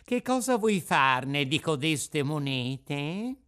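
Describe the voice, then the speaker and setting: A man voicing a sly, smooth-talking lame fox in an audiobook, drawing out his words slowly. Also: on the high side, very animated, fairly bright tone, full character voice. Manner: slow, drawn-out sly speech. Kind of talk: audiobook character voice.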